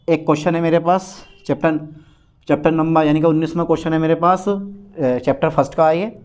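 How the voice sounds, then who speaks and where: A man in his thirties with a fairly high voice leads an exam-prep physics lesson. He drills each key phrase by repeating it slowly, pressing hard on what will come up in the exam. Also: a little mellow. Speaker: physics teacher.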